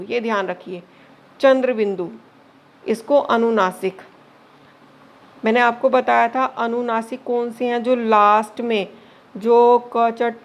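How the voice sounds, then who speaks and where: A woman teacher giving an exam-prep grammar lesson, asking questions and answering them herself, checking in with short confirming tags and mixing English words into her explanations. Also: fairly high pitch.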